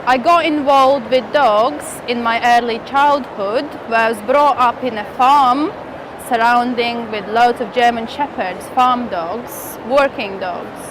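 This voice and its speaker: Woman with clear outdoor noise. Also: a little high, a little slow. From Latvia. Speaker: dog trainer and behaviourist. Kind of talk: testimonial interview.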